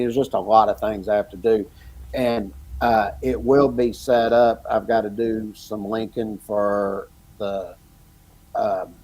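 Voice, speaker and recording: Older guy with a husky voice, rambling casual podcast chat, laughs a lot. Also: lowish voice, mellow. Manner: rambling, chuckles through stories. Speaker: podcast host.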